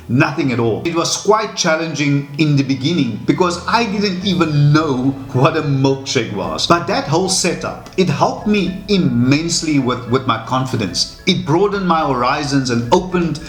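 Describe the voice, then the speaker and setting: Speaking to camera in a mid-range voice, an earnest man reflects on personal matters as host of his channel. Afrikaans is his first language, and his measured speech contains frequent repeated words. Faint music plays in the echoey room.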